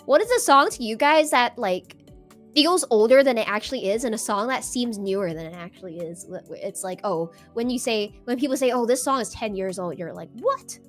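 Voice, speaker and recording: A woman's voice: on the high side, expressive, brisk. A woman chatting casually on a livestream in a playful, giggly, bubbly anime-streamer manner, with music behind her. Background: background music.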